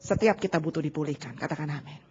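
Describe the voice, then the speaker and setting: A woman preaching a sermon to a congregation, animated and asking them questions. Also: low-pitched, quick pace, slightly rough, muffled recording. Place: church service.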